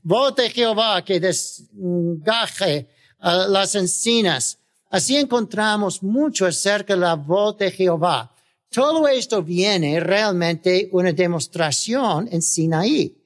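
A man's voice: sits high, expressive, slow pace. A male pastor preaching a sermon, often asking the listeners "¿verdad?" and chuckling between phrases, with many "ah" fillers.

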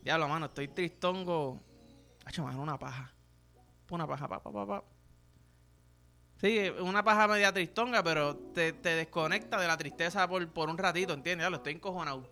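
Man, Puerto Rican accent, young adult, vulgar rambling podcast host, raised pitch, clear background music. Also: normal speed, sharp tone. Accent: Puerto Rican Spanish. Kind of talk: crude casual monologue.

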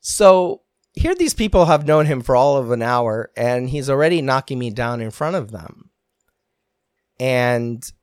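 Guy talking through a hurtful old friendship, earnest, pauses a lot, dry close sound. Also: mid-range voice, no room sound. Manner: earnest, reflective, hesitant with restarts. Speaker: podcast guest telling his story. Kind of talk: candid personal storytelling.

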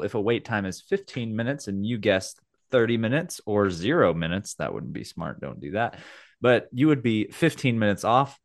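A man hosting a casual game, explaining the rules in a playful, theatrical way with dramatic pauses. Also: mid-range voice, dry recording, clean studio sound. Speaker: game show host.

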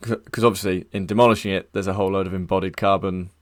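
A man hosts a podcast, talking in a lowish voice with long, rambling questions and light teasing. The recording is dry and close, with no room sound. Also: fairly even intonation, racing, no echo. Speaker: podcast host. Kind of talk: casual podcast interview.

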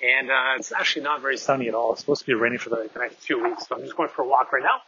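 A man's voice: medium pitch, rapid-fire, pushed and bright, husky. A man hosting a podcast, talking casually and rambling with lots of fillers while out on a walk. His voice sounds tinny, like it's in a tin can, recorded through earbuds on a phone. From Canada. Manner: rambling, filler-heavy, conversational. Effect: tinny, tin-can sound from earbud mic. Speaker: podcast host. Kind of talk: casual monologue while walking. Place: outdoors on a walk, windy. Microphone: phone with wireless earbuds. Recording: tinny muffled earbud mic, faint wind.

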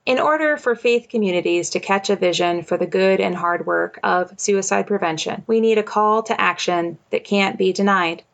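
A woman hosting a podcast, reading scripted narration in a reflective, unhurried way. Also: medium pitch, creaky, muffled recording. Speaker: podcast host.

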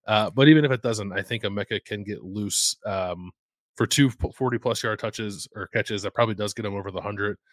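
A man's voice: lowish voice, fairly quick, dry recording. A man co-hosting a sports podcast, easygoing and hedging with 'like' as he breaks down plays. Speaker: podcast co-host. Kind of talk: casual sports podcast analysis.

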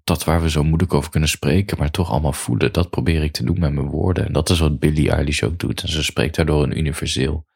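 A man with an extremely deep voice talks to his listeners in an unhurried, musing monologue. His tone is breathy and husky throughout, and he also reads a story aloud. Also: steady tone, a little mellow, no echo, clean studio sound. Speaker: podcaster. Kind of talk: reflective monologue, then reading a story aloud.

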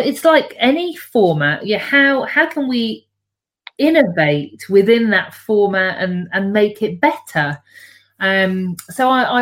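A woman of middle pitch answers interview questions as a book coach. She talks slowly and hesitantly, often pausing to restart her sentences. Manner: hesitant, many fillers and restarts. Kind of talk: casual interview chat.

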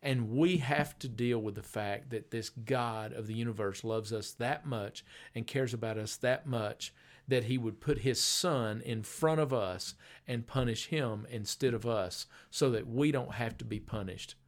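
An older man preaches in a relaxed, conversational style, much like a radio host spinning a story. His pitch is in the middle range and his manner earnest, and he slows way down whenever he drives a point home.

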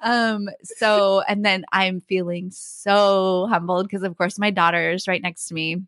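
A middle-aged woman co-hosting a faith podcast, telling a personal story in a casual, animated way, laughing often and acting out what people said. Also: mid-range voice, unhurried, dry recording, studio quality. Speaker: podcast co-host.

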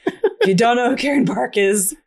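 A woman's voice: fairly high pitch, moderate pace. A woman co-hosting a podcast in a casual, playful chat, laughing often. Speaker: podcast co-host.

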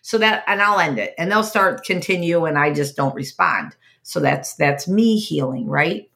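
In her podcast, a middle-aged host speaks earnestly about her life and hands out personal advice. She has a low, slightly bright voice with vocal fry at a normal speed, and she frequently restarts sentences and says things more than once.

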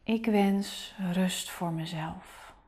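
A woman guiding a meditation in a soft, breathy spa-like near-whisper, giving gentle, soothing, unhurried instructions. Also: on the low side. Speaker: meditation guide.

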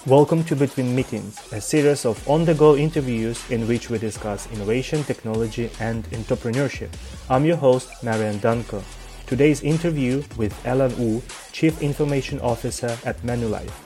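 A man hosting an interview series, reading a scripted intro and then asking relaxed questions with fillers. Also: mid-range voice. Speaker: interview host.

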